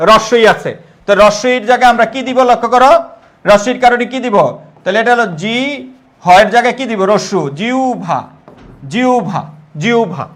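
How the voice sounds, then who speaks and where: A young man with a Bangladeshi Bengali accent runs a live online Bengali grammar lesson. His voice sits high, and he keeps coaxing his students, asking the same question again and mixing in pep talks. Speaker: online admission-test tutor.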